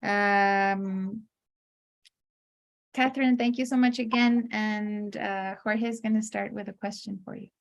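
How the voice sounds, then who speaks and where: A woman hosting an online panel, introducing the guest in a measured way. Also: mid-range voice, steady tone, gravelly. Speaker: host.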